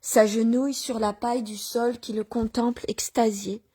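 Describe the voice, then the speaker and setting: A woman reading a religious nativity story aloud at a measured pace, with pauses and small restarts. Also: a little high, fairly even intonation, warm tone, husky, no room sound. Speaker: reader.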